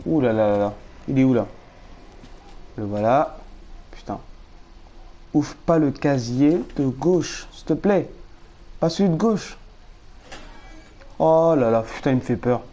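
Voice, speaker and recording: A man commentating a horror game live, nervous and jittery, repeating words when scared, his voice going hoarse. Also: medium pitch, expressive, slow, pauses often, dark tone. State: losing his voice.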